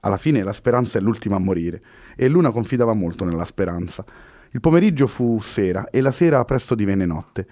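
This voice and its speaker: A man reads a novel aloud in a steady, measured storytelling voice. His tone is low and mellow. The recording is close and completely dry. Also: no echo. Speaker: narrator. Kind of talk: scripted narration.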